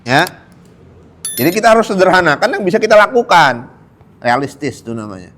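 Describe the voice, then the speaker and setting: A middle-aged man teaching a mosque study circle, who recites Arabic hadith and then explains them in relaxed, joking everyday speech. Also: high voice, fairly quick. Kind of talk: casual Islamic lecture.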